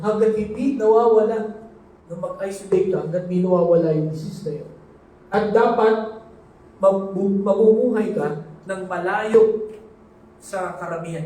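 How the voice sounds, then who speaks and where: High-voiced preacher in an echoey hall. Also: male voice, darkish tone. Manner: mixes Tagalog and English, asks "no?" often. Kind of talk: sermon. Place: church hall. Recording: echoey church hall, mic at a distance.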